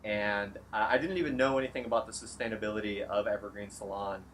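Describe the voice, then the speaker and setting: A man interviewing a salon owner in a casual, friendly way, often pausing with fillers and restarting sentences. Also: lowish voice, fairly even intonation, a bit bright, slight background noise, rough recording. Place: salon, outdoors then indoors.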